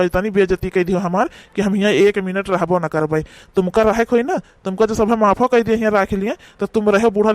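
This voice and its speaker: A man's voice: sits high, dry recording, lightly acted. A man with an Awadhi accent, voicing an older village husband who scolds his wife sternly in a cartoon. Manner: stern, reproachful rural scolding. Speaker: cartoon voice actor.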